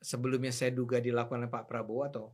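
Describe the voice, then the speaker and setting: An older man holding forth on a talk show. His voice sits at an ordinary middle pitch, and he tells his story with animated, opinionated conviction, leaning hard on his points. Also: racing. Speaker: political commentator. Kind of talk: casual talk show chat.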